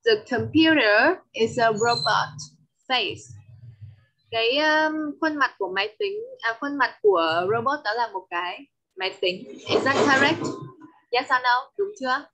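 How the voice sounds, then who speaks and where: Vietnamese woman teaching English in slow, coaxing phrases. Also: a little high, bright, forceful tone. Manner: mixes English and Vietnamese, patient coaxing questions. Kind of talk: online lesson for a child.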